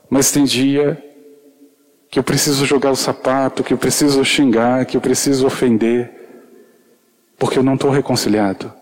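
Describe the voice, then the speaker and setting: A male preacher giving an earnest sermon, speaking intimately to the congregation with shy, self-deprecating humor. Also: mid-range voice.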